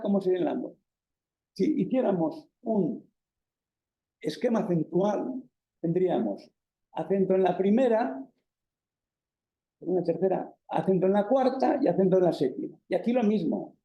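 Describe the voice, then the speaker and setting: A man's voice: high voice, lo-fi sound. A man from Spain with a Peninsular Spanish accent giving an academic lecture as a university professor, explaining step by step with many fillers and tag questions. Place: lecture hall. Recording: echoey lecture room.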